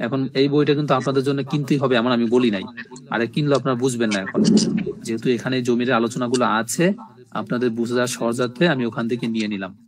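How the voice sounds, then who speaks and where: A man teaching a live online language class in a mid-range voice. He explains step by step, often pausing to ask if students follow. Then he drills word forms slowly, one after another, in long repeated lists. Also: mid-range voice, steady tone, a crowd in the background. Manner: explains step by step, often checking "ঠিক আছে?".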